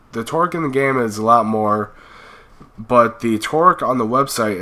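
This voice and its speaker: Stuffy from a cold, a young man who hosts a gaming channel offers laid-back, rambling commentary full of fillers as he plays a racing game. His mid-range voice comes across pushed and bright.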